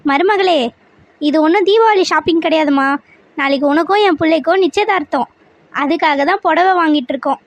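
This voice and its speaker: A woman voicing a gentle middle-aged mother of the groom in a cartoon serial. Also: very high-pitched, fairly quick, dry recording.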